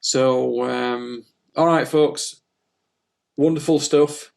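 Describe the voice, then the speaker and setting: A man, co-hosting a casual spiritual chat in a gentle, reassuring and jokey way. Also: mid-range voice, fairly even intonation, very slow, creaky, smooth. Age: 50s. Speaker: spiritual medium and co-host.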